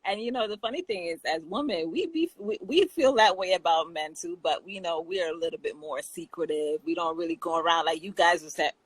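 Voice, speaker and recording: A woman's voice: fairly low pitch, fairly quick, few pauses, slightly rough, dry recording, rough recording. Jamaican woman co-host, easy banter, frequent laughs, dead-dry sound. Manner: chatty, laughs often, many restarts. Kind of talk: casual chat.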